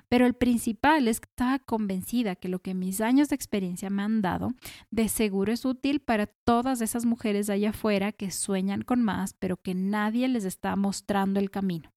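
A woman's voice: medium pitch, warm tone, dry recording, studio quality. A woman in her thirties with a Latin American Spanish accent, hosting a podcast. She reads a reflective monologue and speaks straight to her listeners. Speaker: podcast host.

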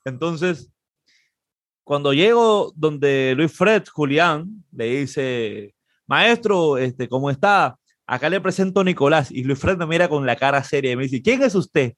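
The recording is studio quality with no room sound, catching a man whose voice sits on the high side and moves unhurriedly. He's a trombonist from Peru with a Peruvian Spanish accent, a guest animatedly recounting a casual story and voicing others' quoted lines loudly.

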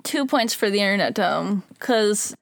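A woman's voice: mid-range voice, animated, a little slow, gravelly, no room sound, clean studio sound. A woman co-hosting a podcast in casual chat, playful and teasing, swearing now and then. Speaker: podcast co-host.

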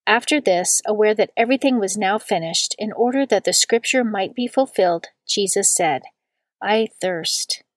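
Woman, liturgical reading, slow on quotes, dry close-miked recording. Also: mid-range voice, no echo. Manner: slow and deliberate on quoted words. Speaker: scripture reader.

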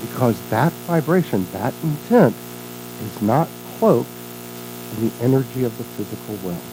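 A minister giving a sermon with expressive storytelling and reflective teaching. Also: medium pitch, normal speed, noisy background.

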